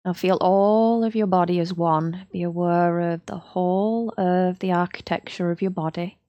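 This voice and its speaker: A woman, a yoga teacher leading a slow, soothing guided body-scan relaxation. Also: on the low side, fairly even intonation, dark tone, no echo, dull audio.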